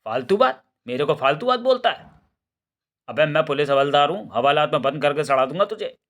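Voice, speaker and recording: A man's voice: on the high side, expressive, fairly quick, a bit bright. A man puts on a brash, bumbling police constable in a comic storybook reading. He blusters and throws coarse threats at everyone around him. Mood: blustering.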